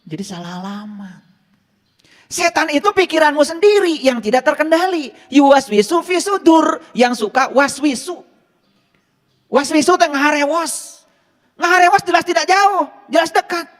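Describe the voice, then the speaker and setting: A man's voice: very high-pitched, moderate pace, a bit bright. A man preaching a casual sermon, teaching with rhetorical questions. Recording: long hall reverb.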